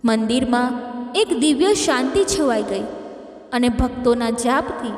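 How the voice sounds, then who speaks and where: A woman narrating a devotional story in a steady, earnest way. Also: a little high, a little slow. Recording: echoey long hall reverb.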